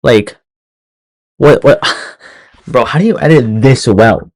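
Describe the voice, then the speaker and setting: A man's voice: mid-range voice, slow pace, darkish tone. A young man giving casual reaction commentary over a video, rambling with lots of fillers and restarts. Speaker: reaction streamer.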